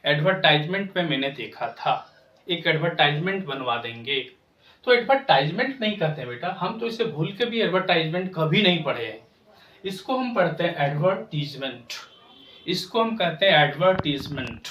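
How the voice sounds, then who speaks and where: Slow-drilling male English teacher. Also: on the high side, animated, bright, forceful tone, highs cut off. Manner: slow, repetitive, corrective. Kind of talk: pronunciation lesson to camera. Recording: echoey room, voice from a distance.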